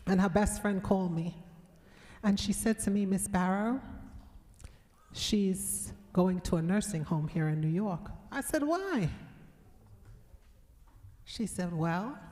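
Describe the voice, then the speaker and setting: A woman giving a church workshop on elder law, answering questions and telling client stories. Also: mid-range voice. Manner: storytelling, animated when recounting clients. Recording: long hall reverb in church.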